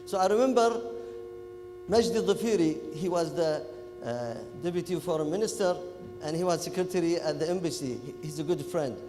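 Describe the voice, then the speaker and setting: A man from Kuwait with a Gulf Arabic accent, a native Arabic speaker, giving an animated, informal interactive lecture to students and often checking in with them. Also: a little high, moderate pace. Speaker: public speaking workshop lecturer. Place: echoey event hall. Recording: echoey hall, music in the background.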